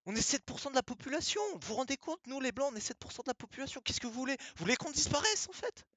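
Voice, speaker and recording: A man's voice: very high-pitched, lively intonation, very fast, a bit bright. Guy ranting solo, dry sound no room echo, keeps repeating himself and asking questions. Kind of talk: casual monologue rant.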